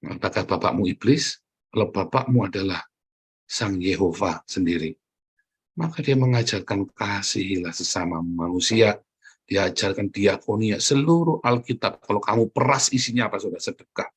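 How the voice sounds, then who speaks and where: A man preaching a sermon in with a tinge, fiery and mocking, swinging between loud jabs and low asides. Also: animated, moderate pace, slightly rough.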